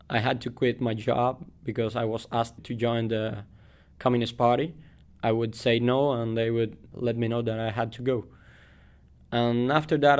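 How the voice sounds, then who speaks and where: A man from Cuba, giving a measured, plain-spoken account in a documentary interview. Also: mid-range voice, a little mellow, clear, resonant tone. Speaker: asylum seeker interviewee.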